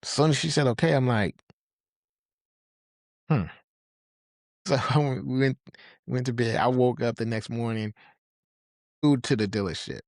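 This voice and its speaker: A man's voice: medium pitch, a little slow, pauses often, no echo, clean studio sound. A middle-aged man, telling a long personal story in a casual, rambling way, often correcting himself. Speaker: host.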